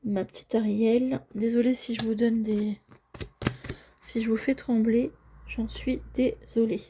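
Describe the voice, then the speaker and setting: A woman's voice: fairly high pitch, steady tone, unhurried, warm tone, slight background noise. A woman talking casually as she fills cash envelopes at home, narrating each small task and often apologizing to her viewers, sometimes dropping to a near-whisper. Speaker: budgeting vlogger. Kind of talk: casual talk while filling cash envelopes.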